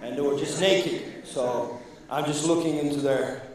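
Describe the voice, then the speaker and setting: Here the Iranian comic's voice is fairly high and unhurried, with noise in the background. He's on a comedy club stage in front of a live crowd, bantering loosely with many fillers and restarts, captured from far away in a reverberant space.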